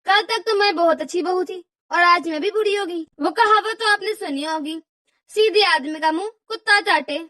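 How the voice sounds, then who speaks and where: A woman's voice: extremely high pitch, normal speed, pushed and bright, no room sound, distant mic. A woman voicing a put-upon young daughter-in-law in a cartoon, explaining herself in an exasperated, pleading way. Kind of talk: cartoon voice acting.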